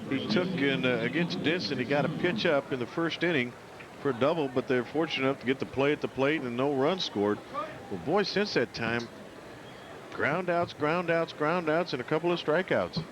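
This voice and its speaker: A man's voice: mid-range voice, normal speed. A man giving conversational baseball color commentary in a folksy, colloquial way. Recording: noisy outdoor ballpark broadcast. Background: ballpark noise.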